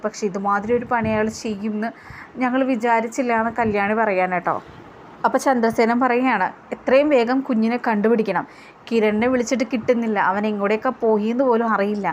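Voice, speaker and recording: A woman's voice: medium pitch, slight background noise. A woman casually recapping a TV serial episode in a chatty retelling style, quoting each character in her own voice. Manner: chatty retelling, often adds "kettoo" tags and quotes characters in her own voice.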